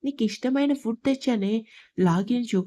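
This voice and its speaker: A woman's voice: a little high, normal speed, dark tone, natural voice. A woman reading a teasing, bossy young lover. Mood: affectionate. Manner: teasing, bossy, affectionate scolding. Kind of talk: read-aloud storytelling.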